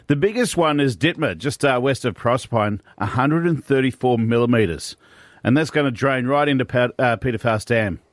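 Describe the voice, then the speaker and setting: A man's voice: mid-range voice, normal speed, no echo. A man with an Australian accent co-hosting breakfast radio in a studio, easygoing and a little tired, with hesitant fillers. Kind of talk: casual radio banter.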